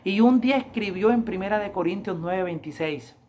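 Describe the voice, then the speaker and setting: A woman preaching a Bible lesson review, with emphatic, repetitive appeals to her listeners, slowing down to read scripture. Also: medium pitch, warm tone. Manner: slows down to read scripture aloud. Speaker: Adventist Bible lesson teacher.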